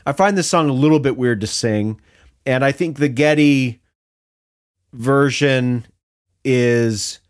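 A man's voice: medium pitch, slow, long pauses, clear, resonant tone. A man co-hosting a podcast in casual chat, thinking aloud with restarts and fillers. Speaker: podcast co-host.

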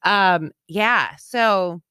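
Bright-voiced, unhurried woman co-host. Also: mid-range voice, smooth, no echo, studio quality. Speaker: podcast co-host. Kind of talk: casual conversation.

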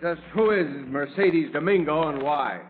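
An actor playing a brisk, commanding city police officer in an old radio drama. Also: male voice, fairly high pitch, a little hiss or hum, lightly acted. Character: gruff city beat cop. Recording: tinny old radio broadcast.

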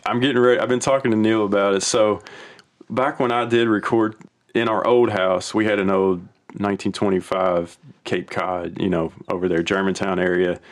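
A man who is a guest on a podcast, chatting casually about home recording. He rambles in a relaxed way, often restarting his sentences. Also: on the low side, moderate pace. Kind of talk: casual chat.

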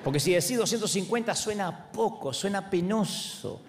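A man's voice: sits high, normal speed, slight background noise. A man in his forties with an Argentine accent, a pastor preaching a humorous sermon and acting out the voices in his stories. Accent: Argentine Spanish. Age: 40s. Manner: animated, acts out other voices, laughs along.

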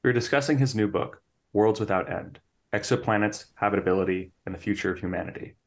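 A young man who works as an assistant editor hosts an interview podcast, talking fast but hesitantly with many restarts and fillers. His voice is on the low side.

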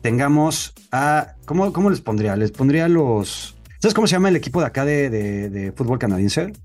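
A young Mexican man co-hosts a sports podcast, chatting casually in a slangy, profane and opinionated way. His medium-pitched voice is darkish and sing-song, at a moderate pace. Soft music plays in the background.

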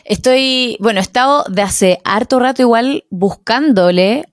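A Chilean woman in her thirties, a singer-songwriter guest on a podcast, talking in a relaxed, chatty way with plenty of fillers. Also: a little high, unhurried, no echo, clean studio sound. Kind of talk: casual podcast interview.

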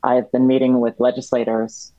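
A man speaking as a podcast guest, explaining a policy issue in a measured, detailed way with frequent restarts. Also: mid-range voice, monotone, dark tone, dry recording. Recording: dull, dry lo-fi sound.

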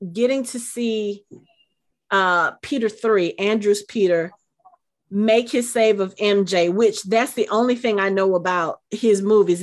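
A middle-aged woman co-hosts a casual podcast in a middle-pitched voice. She gushes with emotion and keeps restarting her sentences with fillers. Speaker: podcast co-host.

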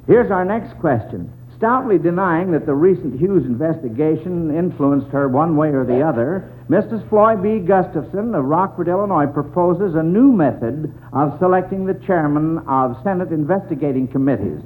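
High-voiced American man hosting old radio quiz. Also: expressive, normal speed, hardly any pauses. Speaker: quiz show host. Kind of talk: 1940s radio quiz hosting, reading questions and chatting. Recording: tinny old radio broadcast with noise.

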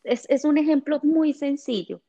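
A woman, a guest, talking in a gentle, hesitant way with many fillers, explaining in casual conversation. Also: high-pitched, moderate pace, highs cut off. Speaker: guest on chakras and essential oils.

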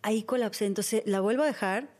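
A woman's voice: medium pitch, a little fast, darkish tone. A woman in her thirties with a Mexican accent, hosting a podcast and telling a personal story in a candid, casual way. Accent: Mexican Spanish. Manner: candid, storytelling, lots of fillers. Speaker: podcast host. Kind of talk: casual conversation.

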